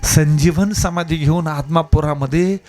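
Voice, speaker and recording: A man's voice: fairly high pitch, steady tone, unhurried, mellow. A man telling a devotional story as a sermon, emotional and addressing his listeners directly. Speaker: devotional preacher.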